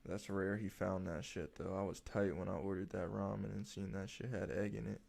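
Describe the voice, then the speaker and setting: A man's voice: low-pitched, flat delivery, a little fast, gravelly, a little mellow, slight background noise. A man co-hosting a casual podcast chat with slangy, sweary bro banter. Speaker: podcast co-host.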